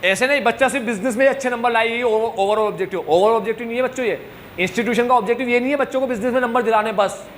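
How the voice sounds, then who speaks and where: A man with a high-pitched voice gives a classroom lecture to students, slipping English terms into his talk. He teases and scolds them as he explains. Faint noise hums behind him. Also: very fast, a bit bright. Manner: scolding, joking, mixes English into Hindi. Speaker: commerce teacher.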